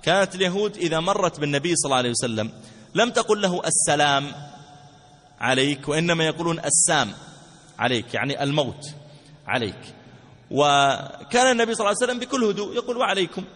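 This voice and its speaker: Male preacher, lively and colloquial, voice a touch high, echoing hall. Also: fast talker. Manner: animated storytelling, colloquial asides. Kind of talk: religious lesson. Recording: long hall reverb.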